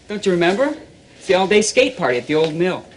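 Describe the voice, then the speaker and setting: A man's voice: sits high, big pitch swings, fast, slight background noise. A young man playing an eager, bashful teenage son in a soap opera. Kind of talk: television soap opera acting.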